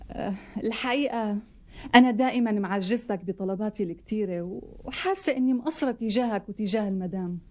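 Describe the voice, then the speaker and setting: An actress playing a polite, apologetic young doctor who speaks with a Syrian Arabic accent in a TV sitcom. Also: female voice, mid-range voice, fast, natural voice. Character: polite young female doctor, sheepish gift-giver. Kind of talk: TV sitcom acting.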